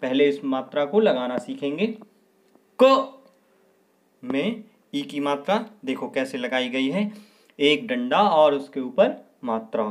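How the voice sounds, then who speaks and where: A man teaching young children to read, sounding out syllables one by one and then calling out each answer higher and louder. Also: lively intonation. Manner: slow, clearly sounds out each syllable, then raises pitch and volume for the answer. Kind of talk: children's Hindi lesson.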